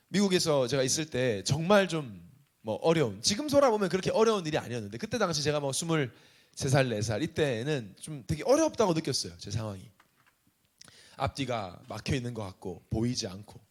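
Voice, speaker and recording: A young adult man, a pastor, preaching a conversational sermon with rhetorical questions. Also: fairly high pitch.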